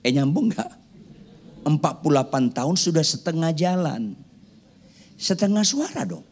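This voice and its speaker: A man's voice: a little high, very animated, moderate pace, darkish tone, slight background noise. A man preaching a sermon, firing rhetorical questions at the congregation with playful joking asides. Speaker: pastor.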